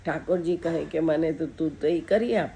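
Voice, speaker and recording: Low, mellow-voiced woman reading a story. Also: moderate pace, creaky, a little hiss or hum. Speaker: devotional storyteller. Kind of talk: reading a devotional story aloud.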